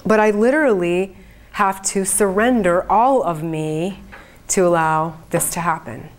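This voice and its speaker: A woman's voice: fairly low pitch, a little slow. A woman speaking informally to a group as a spiritual channeler, with an earnest, conversational manner. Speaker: trance channeler leading a group event. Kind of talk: informal spoken talk to an audience.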